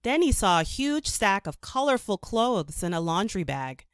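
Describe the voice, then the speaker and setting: A woman storyteller giving an expressive read-aloud narration of a children's book. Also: medium pitch, moderate pace, clean tone, no room sound, studio quality.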